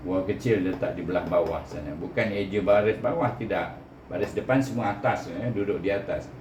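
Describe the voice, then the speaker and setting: A low-voiced Malaysian man teaches Quran reading step by step, speaking a little fast and over-enunciating syllables like a strict instructor, often capping points with a short "eh." The room is echoey with background noise.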